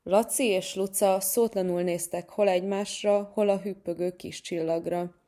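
A woman reading a children's story aloud in a gentle, measured way. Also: mid-range voice, fairly even intonation.

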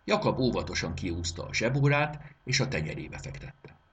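A man narrating a children's story aloud in an expressive reading. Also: lowish voice, breathy edge. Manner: expressive, lilting delivery.

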